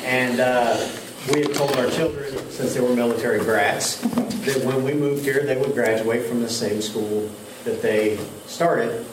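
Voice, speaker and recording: A middle-aged man speaks with an Appalachian accent as he casually introduces himself to a group. His pitch is average, and he sounds away from the mic in an echoey room with clear background noise. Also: steady tone, unhurried, far from the mic. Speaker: new highway department operator. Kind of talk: casual self-introduction at a meeting.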